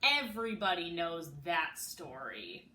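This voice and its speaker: A woman's voice: fairly high pitch, sing-song, moderate pace, fairly bright tone. Woman doing a grouchy little schoolgirl. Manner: grumbling, whiny. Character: grouchy schoolgirl, reluctant storyteller. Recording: echoey room, mic at a distance.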